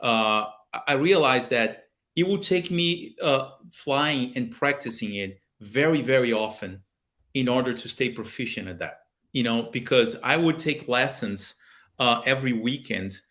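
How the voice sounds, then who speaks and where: A Brazilian man in his thirties, working as a pilot and aviation video maker, speaks unhurriedly in a medium-pitched, slightly bright voice with a Brazilian Portuguese accent. As a guest in a casual video-call interview, he's earnest and full of fillers and restarts. The webcam frames a small home office with a plane picture.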